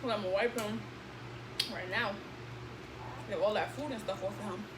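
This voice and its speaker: A woman's voice: mid-range voice, normal speed. A woman chatting casually and teasingly with her child during a meal, as a mother hosting a family video. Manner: playful, teasing. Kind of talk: casual chat with her child while eating. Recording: echoey room, clear background noise.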